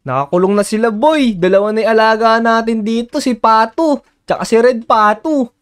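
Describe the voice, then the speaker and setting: A man hosting a Minecraft let's-play, bossy and excitable, often urging his partner to hurry. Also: sits high, normal speed. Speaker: gaming channel host.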